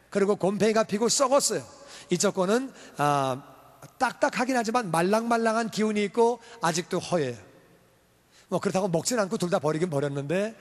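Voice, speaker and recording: A man preaching in a church with a high voice, animated, acting out the voices in his stories. His words carry a long reverb through the large hall. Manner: animated storytelling, acts out scolding and praising voices. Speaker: pastor. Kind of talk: sermon. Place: church sanctuary.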